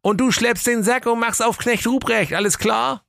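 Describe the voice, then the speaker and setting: A man's voice: very high-pitched, moderate pace, creaky, a bit bright, no echo, clean studio sound, pitched above the performer's own voice, exaggerated voice. A man voicing a sly, bossy big bad wolf, snappy and impatient, in a comic storybook reading. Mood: bossy scheming.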